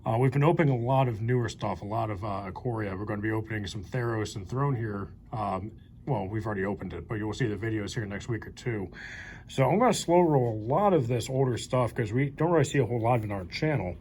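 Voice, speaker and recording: A man's voice: lowish voice, fast talker, a little mellow, a little hiss or hum. A young man casually commenting as he pages through an old card collection, naming cards one by one in an upbeat, chatty way. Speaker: card collector channel host. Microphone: handheld camera mic.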